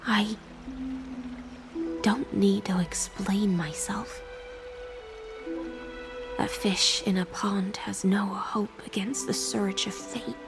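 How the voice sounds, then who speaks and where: A world-weary woman narrates a video game story in a slow, measured, theatrical style, melancholic and grand. Her medium-pitched voice keeps fairly even intonation, and her phrase endings soften over clear background music. The mood is solemn and cold.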